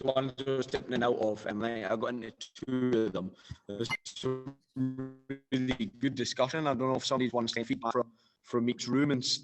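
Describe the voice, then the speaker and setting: A man's voice: mid-range voice, poor audio. A man leading a casual discussion among coaches on a video call, chatty and thinking aloud as he goes.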